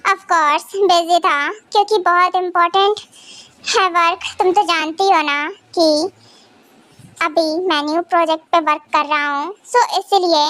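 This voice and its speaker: A woman's voice: very high-pitched, fairly even intonation, measured pace, fairly bright tone, no room sound. A woman voicing a tired, busy young businessman husband speaking in a weary, matter-of-fact way in a fan audio drama.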